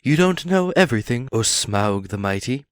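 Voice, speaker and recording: A man voicing Bilbo, a small, timid male hobbit who talks in an over-polite, frightened squeak while trying to sound brave. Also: sing-song, moderate pace, clear, resonant tone, dry recording, clean studio sound, close to an everyday voice. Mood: bold.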